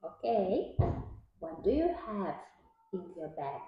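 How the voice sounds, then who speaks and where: A woman's voice: lowish voice, very animated, slow. A young adult woman teacher speaks to a young child in simple, patient language, giving short prompts and questions one-to-one. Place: small indoor classroom. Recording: echoey room, slightly dull sound.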